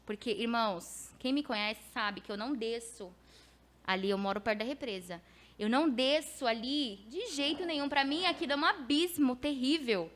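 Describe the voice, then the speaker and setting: A woman's voice: fairly high pitch, normal speed. Earnest São woman preaching. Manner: earnest, animated storytelling with quoted dialogue. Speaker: preacher giving a testimony at a church service. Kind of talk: testimony sermon.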